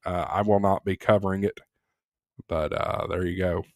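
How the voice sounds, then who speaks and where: A man's voice: deep voice, steady tone, normal speed, no room sound, studio quality. A man hosting a casual live stream, chatting loosely with many fillers and reading viewer comments aloud.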